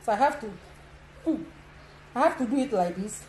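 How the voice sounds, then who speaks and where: A woman's voice: a little high, lively intonation, moderate pace, darkish tone, reverberant, a little hiss or hum, rough recording. A Nigerian woman giving frank casual advice, laughing often and demonstrating as she talks. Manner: bold, laughing, demonstrative, mixes pidgin. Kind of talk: casual instructional chat.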